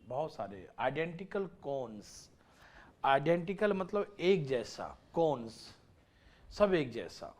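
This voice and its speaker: Lively, high-pitched male maths teacher. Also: slow pace. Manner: repeats and stresses each step, urging students to listen; mixes English terms into Hindi explanations. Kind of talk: live online class.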